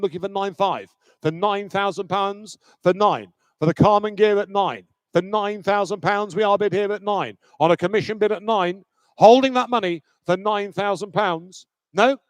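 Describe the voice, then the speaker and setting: High-pitched male auctioneer. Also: dry recording. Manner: repetitive chanting of bids, firm and commanding. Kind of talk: live auction bid-calling with repeated numbers. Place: live auction sale room.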